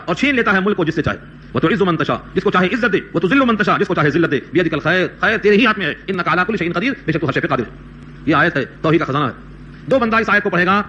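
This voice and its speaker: A man preaching a Quran commentary sermon, slowly reciting Arabic verses and then explaining them plainly, repeating phrases for emphasis. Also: sits high, bright, forceful tone, slight background noise.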